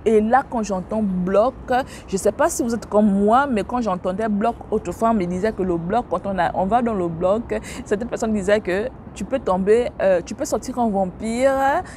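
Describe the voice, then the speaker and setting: A woman recounting her faith testimony in a storytelling voice of middling pitch, speaking straight to her listeners. She acts out each exchange with rising and falling tones, and a faint hum of noise sits under her voice. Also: moderate pace, few pauses. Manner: animated, acts out dialogue with shifting pitch; religious exclamations, addresses listeners directly. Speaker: believer sharing a testimony.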